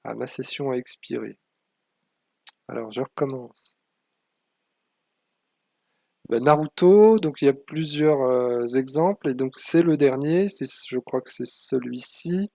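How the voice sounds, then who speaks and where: A man walks viewers through a screen-share tutorial, pausing often on fillers as he issues cautionary warnings. His voice sits at an ordinary middle pitch. The recording is dry and close, with no room sound. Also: animated, gravelly, warm tone, no echo. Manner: hesitant, many fillers, warning tone. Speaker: channel host.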